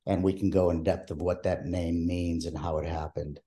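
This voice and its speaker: An older man from Palestine, answering oral history interview questions in a measured way with many hesitations. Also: low voice, flat delivery, mellow. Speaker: interviewee, archive creator.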